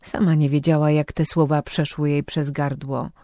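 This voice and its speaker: A woman reading an audiobook in calm, measured scripted narration. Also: low voice, no room sound, clean studio sound.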